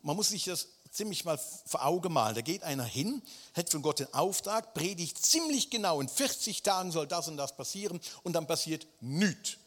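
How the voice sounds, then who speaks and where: A man's voice: a little high, very animated, moderate pace, a bit bright. A man preaching a sermon, speaking emphatically and turning often to address his listeners directly. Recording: long hall reverb.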